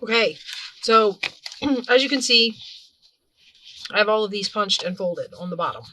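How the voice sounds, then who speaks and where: Lively intonation marks this woman's mid-range voice as she hosts a casual craft tutorial at a moderate pace. She talks while working and keeps correcting herself mid-sentence.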